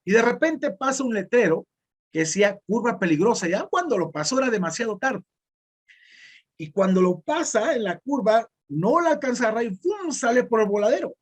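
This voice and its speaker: Husky pastor with northern Mexican accent. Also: male voice, high-pitched. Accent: northern Mexican Spanish. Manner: conversational, direct, addressing the congregation. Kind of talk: sermon.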